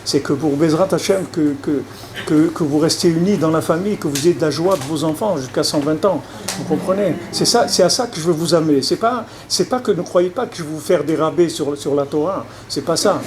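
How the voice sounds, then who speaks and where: In a noisy recording of a public talk, a rabbi speaks in a fairly high voice, a little fast. His lecture is conversational, with frequent repetitions, restarts, and checks that the audience is keeping up.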